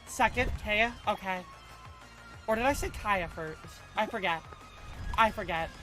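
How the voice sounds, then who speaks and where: Her mid-range, sharp-toned voice comes through a low-quality recording as she livestreams at a measured pace. The woman reads chat aloud and talks casually with viewers in a rambling, slangy way, with faint music behind her.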